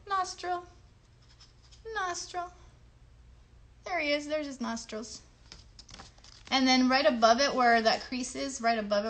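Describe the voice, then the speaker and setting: Hosting a craft livestream for kids, this woman talks through every step in easy, child-friendly language, often pausing to check on her young audience. Her voice is slightly high and bright, with a forceful edge. She's chatty and upbeat, peppering viewers with questions.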